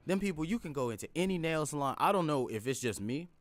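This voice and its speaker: A man ranting to his viewers in a casual, profane, animated way, calling them bro. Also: a little high, fast, dry recording. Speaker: vlogger. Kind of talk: casual rant to camera. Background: background music.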